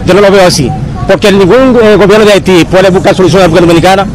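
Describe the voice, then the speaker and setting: A man's voice: sits high, rapid-fire. A man answering a reporter in a heated street interview, repeating himself and stumbling over words. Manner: insistent, repeats himself, stammers. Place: busy street outdoors. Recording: noisy street, crowd around. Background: traffic and crowd.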